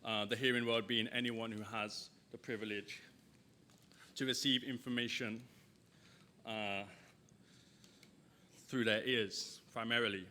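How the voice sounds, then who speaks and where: A man's voice: medium pitch, level tone, unhurried, pauses often, bright, forceful tone, slight background noise. A young man reading his poetry aloud at a festival, rhythmic and emphatic, with chatty asides between poems. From England. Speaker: poet. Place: festival stage before an audience.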